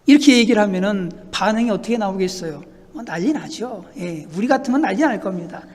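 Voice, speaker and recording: High-voiced animated male preacher. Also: a little fast, long reverb tail. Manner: animated, asks rhetorical questions, acts out scenes. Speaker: pastor. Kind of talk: sermon. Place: church sanctuary.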